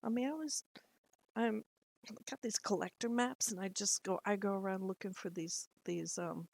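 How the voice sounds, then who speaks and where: A woman's voice: medium pitch, normal speed, creaky, a little mellow, poor audio. A middle-aged woman chatting casually to camera at home, rambling and laughing often. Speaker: lifestyle vlogger. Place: at home, indoors.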